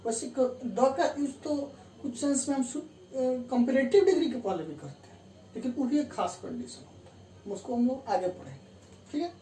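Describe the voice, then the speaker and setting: A woman's voice: high voice, lively intonation, normal speed, dark tone. A woman teaching an English grammar lesson, explaining rules step by step, repeating key terms and often checking that the class is following. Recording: distant roomy mic with faint room hum.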